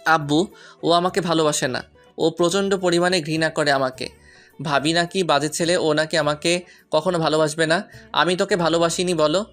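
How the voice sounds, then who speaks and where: A man's voice: on the high side, fairly even intonation, normal speed, a bit bright, soft background music, close to an everyday voice. A man voicing a rich young man, heartbroken and pleading with the woman he loves, in an audio love story. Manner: pleading, anguished.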